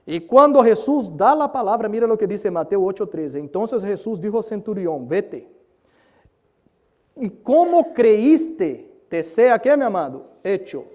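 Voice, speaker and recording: A man with a high, ringing voice preaching a sermon. He swings between bursts of near-shouting and hushed, intimate asides, and calls to his congregation as he acts out the story. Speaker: pastor.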